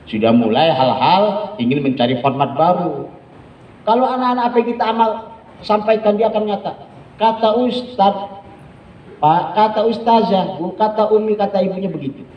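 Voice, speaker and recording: A man's voice: a little high, darkish tone. Man lecturing in an echoey room. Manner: joking, often asks listeners "ya kan?". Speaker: Islamic teacher trainer. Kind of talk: lecture to Quran teachers. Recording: echoey room, distant dull mic.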